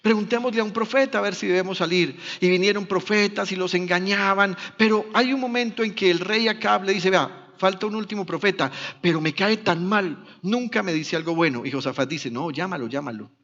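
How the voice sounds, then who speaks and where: A Colombian man preaches a sermon, acting out the voices in biblical stories. His voice sits a little high. The sound is muffled and carries a long church reverb. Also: fairly quick, hardly any pauses, a bit bright. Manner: dramatic storytelling, acting out biblical dialogue. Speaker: pastor.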